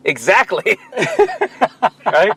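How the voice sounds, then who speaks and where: Man, jokey co-host, laughs at his own jokes, slightly high voice. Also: sing-song, drawn-out words, sharp tone, rough recording. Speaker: podcast co-host. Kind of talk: casual chat.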